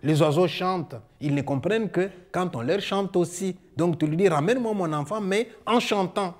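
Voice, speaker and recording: A man's voice: high-pitched, moderate pace. A man telling a folk tale on stage with humor and leading an audience in a sing-along. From Congo. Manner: lively, coaxing, teacherly. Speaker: storyteller.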